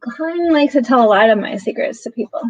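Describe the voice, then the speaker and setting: A woman co-hosting a casual livestream, joining in with quiet, teasing banter. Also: fairly high pitch, lively intonation, brisk, no echo, muffled recording. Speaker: co-host. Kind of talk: casual chat.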